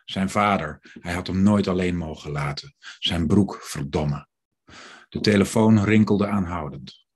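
A man reading aloud from his novel in a measured, steady way. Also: low voice, husky. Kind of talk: literary reading.

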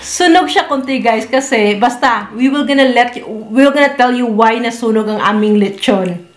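A woman's voice: on the high side, moderate pace, roomy sound. A Filipino-accented woman hosting a mukbang vlog, chatting cheerfully with viewers and giggling often. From Philippines. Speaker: mukbang vlogger, co-host. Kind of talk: casual chat mixing Filipino and English.

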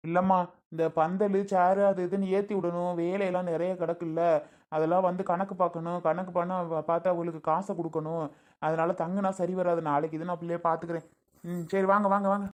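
A man's voice: sits high, flat delivery, a little fast, natural voice. A man playing a coaxing village husband. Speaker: husband in a family skit. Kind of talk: casual rural Tamil family skit.

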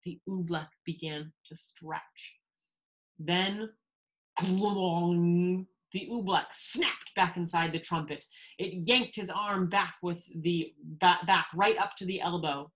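A woman's voice: on the low side, slow pace, a bit bright. A woman host on a video call, reading a children's story expressively, then chatting about a simple kids' science activity.

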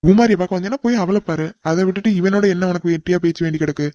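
A man's voice: sits high, rapid-fire, warm tone, dry recording, dull audio, natural voice. A man voicing a stern scolding elder brother. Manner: scolding, commanding. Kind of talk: cartoon voice acting.

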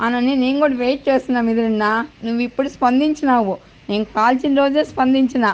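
Woman, high voice, phone voice message, dull lo-fi sound, insistent, repeats herself. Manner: insistent, repeats her point over and over. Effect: recorded phone voice message. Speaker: political supporter leaving a message.

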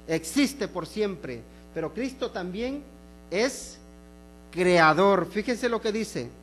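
High-voiced preacher with emphatic delivery. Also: male voice, sing-song, a little hiss or hum. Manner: emphatic preaching, slows on key phrases, drops to soft asides. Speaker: pastor. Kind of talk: sermon. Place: church sanctuary.

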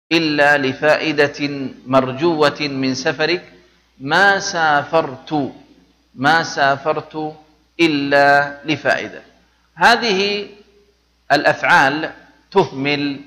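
A male teacher leads a patient classroom lesson with a clear, bright tone. He walks through each rule methodically, pausing to ask questions. The recording carries a lingering reverb. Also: a little high. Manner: explains step by step, asks the class questions and answers them. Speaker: Arabic teacher.

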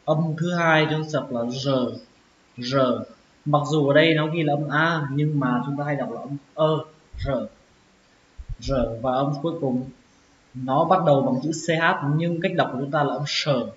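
A man with a fairly high voice teaches pronunciation, breaking each word apart and repeating it slowly. The recording is roomy and echoey, with a dull lo-fi tone and a faint hiss behind it. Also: steady tone. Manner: slow, drawn-out repetition of words. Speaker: English teacher. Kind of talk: pronunciation lesson.

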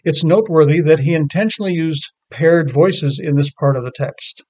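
Measured man giving a music lecture. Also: on the high side, a little mellow. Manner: measured, explanatory, reads from a script. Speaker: choral conductor lecturer.

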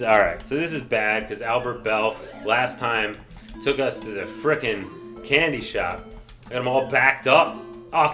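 A man casually commenting while playing an old baseball video game, excitable, shouting at the players and grumbling when things go wrong. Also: mid-range voice. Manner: excitable, swears mildly, yells at the game. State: says he is drunk. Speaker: let's play gamer.

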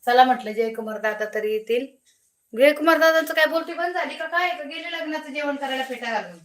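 A woman's voice: high voice, brisk, recorded from a distance. A woman hosting a casual live stream from her home kitchen, teasing and calling out to viewers by name. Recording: echoey room, faint background noise.

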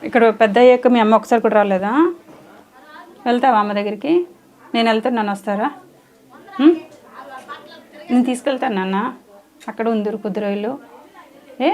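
A woman hosting an interview, coaxing a child with soft, repeated questions. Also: a little high, fairly even intonation, fairly quick, pauses often. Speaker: host. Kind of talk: casual interview.

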